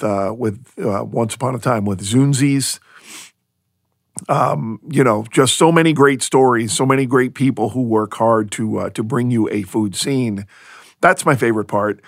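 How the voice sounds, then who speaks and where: A man's voice: mid-range voice, dry recording, clean studio sound. A man hosting a food podcast, chatting casually and with amusement, rambling through restarts and asides. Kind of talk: casual solo podcast monologue.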